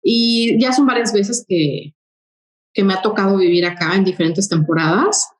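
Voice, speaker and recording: Woman from Mexico City in an echoey room. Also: mid-range voice. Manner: conversational, hesitant fillers, quick in bursts. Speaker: guest. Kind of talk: interview storytelling.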